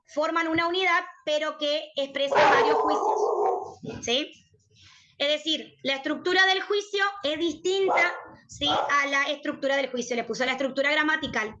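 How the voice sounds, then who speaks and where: A woman's voice: high voice, normal speed, lo-fi sound, noisy background. A woman with an Argentine Spanish accent teaching a university prep logic lesson, checking in with her students after nearly every phrase. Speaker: tutor.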